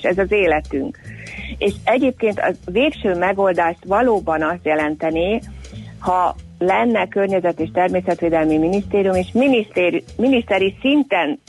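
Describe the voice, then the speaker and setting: Low-voiced woman in a radio interview. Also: a little mellow, slightly rough. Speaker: interview guest, environmental campaigner.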